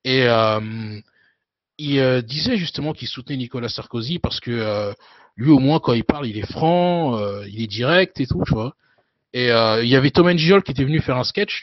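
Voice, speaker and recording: A man in his thirties talks through his story as an interview guest. He is loose and relaxed, fills his pauses with hesitations and conversational tags, and his pitch sits in the middle. The sound is dry and a little dull. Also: dry recording. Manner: loose, with frequent hesitations and "you know" tags.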